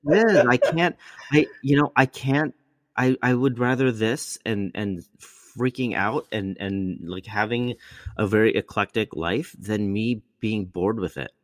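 A male actor with a low voice and a measured pace tells long, rambling stories in casual chat. He often restarts and quotes himself, with many quoted asides, and the recording has no room sound.

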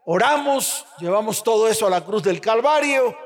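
Male pastor, very high voice, fiery call-and-response sermon, reverberant hall. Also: animated, normal speed. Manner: call-and-response, urging the congregation to answer aloud; swings between shouting and quiet, hushed storytelling. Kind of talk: preaching a sermon.

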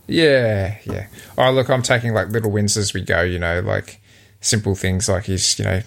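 An Australian man, a young adult, co-hosting a podcast in relaxed, rambling casual chat over a remote call. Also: lowish voice, normal speed, gravelly. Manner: relaxed, rambling with fillers and restarts. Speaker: podcast co-host.

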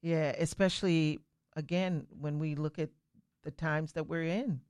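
A man's voice: on the high side, steady tone, a little slow, darkish tone, clear, resonant tone, dry recording. A man hosting a casual studio talk, encouraging and affirming his guest. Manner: encouraging, affirming, laughs often.

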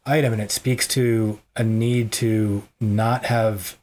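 Male podcast co-host, lowish voice, loose rambling talk, quick to joke and laugh. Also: flat delivery, a little mellow. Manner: jokey, rambling, laughs often. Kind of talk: casual conversational chat.

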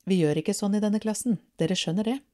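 A woman's voice: mid-range voice, warm tone, close to an everyday voice. A woman reading the lines of a stern male schoolteacher lecturing his class in a storybook.

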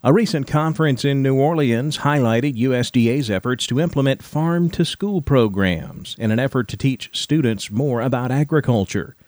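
A man's voice: mid-range voice, moderate pace, few pauses, a little mellow, no echo. Male American news anchor, mid-range, formal scripted headline read, dry booth.

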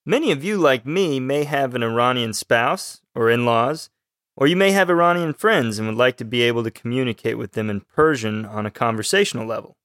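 A man from Texas, co-hosting a scripted language podcast as the student and reading his lines in an even delivery. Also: mid-range voice, brisk, no room sound, clean studio sound. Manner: even, read-aloud delivery. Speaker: student co-host.

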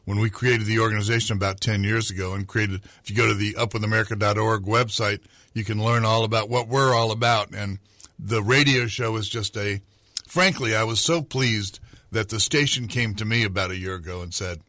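A man's voice: on the low side, fairly even intonation, fairly quick, sharp tone, no room sound. A man guesting on a radio show in the studio, upbeat and promotional in casual chat. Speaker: radio co-host. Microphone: studio microphone.

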